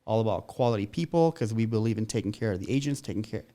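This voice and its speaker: A man's voice: on the low side, lively intonation, quick pace, dark tone. A man co-hosting a studio podcast, talking earnestly about his team in a casual chat, with a few stumbles. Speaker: co-host, real estate team lead.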